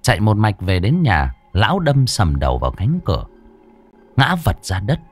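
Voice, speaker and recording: An audiobook narrator with a fairly low-pitched voice tells a horror folk tale in a dramatic storytelling style. His delivery is animated and swooping at a moderate pace, with soft music playing in the background.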